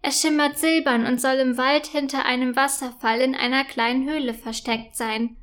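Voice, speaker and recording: A woman's voice: high voice, steady tone, moderate pace, fairly bright tone. A woman voicing a worried middle-aged queen who sighs and hesitates. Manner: sighing, hesitant.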